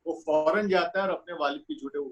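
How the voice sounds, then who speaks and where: A man with a fairly high voice gives an earnest webinar lecture. He asks rhetorical questions and swings between raised, urgent lines and hushed ones. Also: fairly quick, lo-fi sound. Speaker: webinar speaker on parenting. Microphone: webinar call audio.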